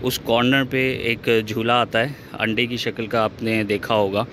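A middle-aged man walking a camera around his rooftop and describing the planned renovation in a relaxed, enthusiastic way, pausing often to think. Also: medium pitch, background noise. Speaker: vlogger showing a rooftop renovation. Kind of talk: casual walkthrough narration. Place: rooftop of a house, outdoors.

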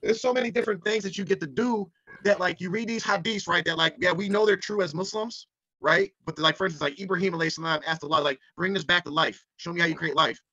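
A man's voice: high voice, fast, creaky, bright, forceful tone, no room sound, highs cut off. A man in a casual group chat, telling stories earnestly and emotionally. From United States. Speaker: podcast panelist.

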